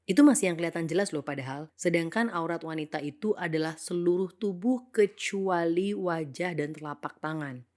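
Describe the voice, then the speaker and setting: A woman's voice: lowish voice, normal speed, darkish tone. A young woman narrating a scripted reflective monologue in an earnest, thoughtful way, switching now and then into English phrases.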